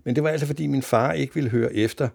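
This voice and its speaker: A man voicing a cheeky seven-year-old boy in a read-aloud children's story, keeping a gravelly, husky edge. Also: mid-range voice, no room sound, studio quality, pitched above the performer's own voice. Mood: apologetic. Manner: bright, eager, lightly raised voice.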